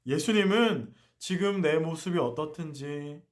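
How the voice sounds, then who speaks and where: A man's voice: on the high side, measured pace. A man preaching a storytelling sermon for a church ministry, often asking his listeners questions. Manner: animated, asks the listeners questions.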